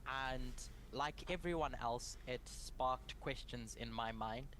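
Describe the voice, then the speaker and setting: A young man from Zimbabwe leading a prayer and a Bible study, speaking in short measured phrases with pauses for an interpreter. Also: mid-range voice, fairly bright tone. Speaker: guest Bible study presenter.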